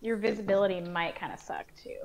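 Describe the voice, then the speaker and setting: A woman's voice: medium pitch, fairly even intonation, fairly quick. A woman chatting and teasing friends casually over an online voice call during a game. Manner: giggly, teasing. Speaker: gamer. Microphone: online voice chat.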